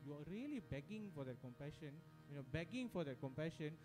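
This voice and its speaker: A man's voice: a little high, big pitch swings, quick pace. A man teaching a devotional singing workshop, who talks conversationally, breaks into sung examples and keeps checking in with his audience. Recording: music playing behind.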